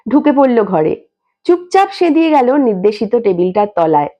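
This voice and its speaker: Woman reading a story, lively and expressive. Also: on the high side, moderate pace. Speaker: story reader. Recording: dull lo-fi recording.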